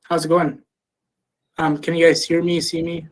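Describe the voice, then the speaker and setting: A young man from Venezuela joins a panel over a video call. His speech stays flat and level, with a slightly high voice, and he stumbles through ums and restarts in easy conversation. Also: normal speed, low-quality recording. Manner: hesitant, many ums and restarts. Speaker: panel guest, chapter treasurer. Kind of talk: casual panel talk.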